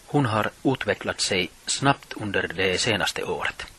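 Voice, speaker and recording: A middle-aged man presenting a radio show, reading his script in a measured, plain way. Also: deep voice, expressive, pushed and bright, slight background noise. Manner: reads from notes, measured and plain.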